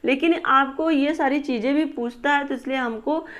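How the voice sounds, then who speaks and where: A woman teacher talks through exam questions in a recorded lesson, her voice sitting high. She explains each answer step by step, circling back to rephrase and repeat each point. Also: normal speed, dull audio.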